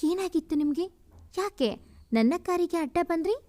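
A woman's voice: very high voice, lively intonation, normal speed, mellow. A woman voicing an earnest, protective young man.

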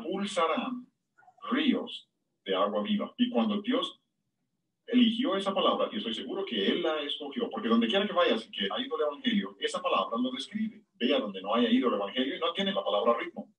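A man preaching a sermon, with sudden high-pitched emphasis on key words. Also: sing-song, fairly quick, fairly bright tone, far from the mic, slight background noise, poor audio. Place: church.

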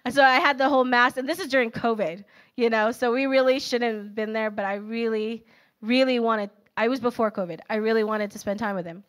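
A woman in her thirties delivers a conversational sermon at a young adults' service, chatty and animated, with lots of personal stories and filler words. Her voice is a little high and a little fast, picked up by a handheld microphone on a church auditorium stage.

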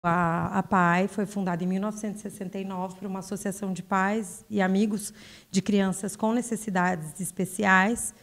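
A woman's voice: mid-range voice, steady tone, moderate pace. A woman, explaining things in an interview into a handheld microphone. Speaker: school director. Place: indoors, small room.

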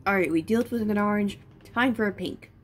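A woman's voice: medium pitch, fairly quick, a little hiss or hum. A young adult woman vlogging casually to camera, talking between bites as she eats sour candy. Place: small bedroom, indoors.

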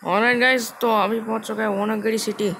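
This man speaks with an Indian accent in a high, sharp voice, delivering flat, slightly fast live gameplay commentary as a video host. He keeps things casual, often repeats phrases, and mixes in English words. The screen recording is amateur and noisy, with ambient sound audible.

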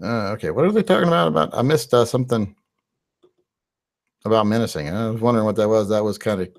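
A fortysomething man from West Virginia hosts a live-stream Q&A, answering viewer questions in a loose, rambling, conversational way full of "uh" fillers. His voice is lowish, fast, with lively intonation. He records in a small home studio on a large boom-mounted studio mic, wearing headphones.

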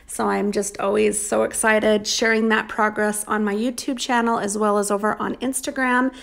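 A woman's voice: medium pitch, flat delivery, moderate pace, gravelly, a bit bright. A woman in her thirties narrating a casual home vlog, chatty and upbeat with frequent ums. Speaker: vlogger.

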